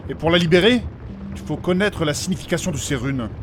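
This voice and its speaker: In a French fantasy comedy audio drama, a man plays a learned, formal and fussy scholar of magic who is precise yet tends to repeat himself, sounding earnest and explanatory. His voice is a little high with lively intonation, and he speaks briskly. The acting is light, over soft background music.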